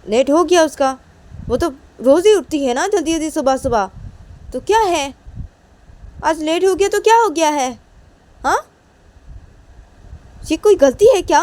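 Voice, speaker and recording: A woman's voice: mid-range voice, darkish tone, voice pushed up, close to an everyday voice. A woman voicing a defiant young woman who insistently repeats her warnings to her mother.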